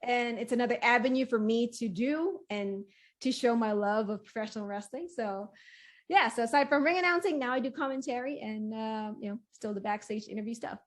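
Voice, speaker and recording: A woman's voice: on the high side, a little fast. A woman chatting casually as an interview guest, telling her own story in an easygoing conversational way. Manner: smiles and laughs often. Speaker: wrestling ring announcer and commentator, interview guest.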